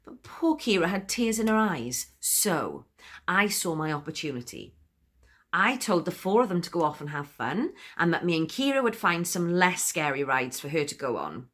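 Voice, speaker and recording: A chatty woman confiding her story, played by an actress in a comic monologue, laughing often between sentences. Her voice sits fairly low but swings widely in pitch, with a bright, forceful edge. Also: very animated, moderate pace. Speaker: monologue performer.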